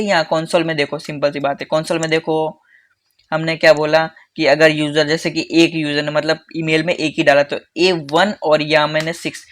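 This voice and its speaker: Fast-talking man teaching code. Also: on the high side, fairly bright tone. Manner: fast, chatty, addresses viewers as "bhai"; repeats phrases for emphasis. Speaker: coding instructor. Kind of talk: casual coding tutorial.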